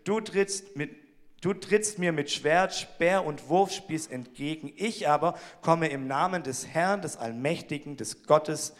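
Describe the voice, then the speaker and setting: A man reading the part of a bold young shepherd boy, full of trust and defiance, in a fairly high voice. The speech comes slow and earnest, with weight on each phrase. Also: natural voice. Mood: defiant.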